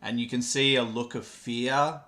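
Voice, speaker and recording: A man running a tabletop game as game master, explaining rules hesitantly with many pauses. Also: medium pitch, fairly even intonation, sharp tone. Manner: hesitant, with frequent ums and pauses.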